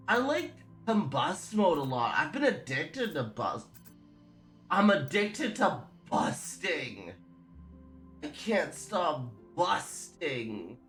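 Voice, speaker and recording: A woman streamer chatting with her viewers while she plays, her voice bouncing widely up and down in pitch. She takes her time, drawling through goofy asides and sound effects at a desk microphone. Faint game music plays behind her.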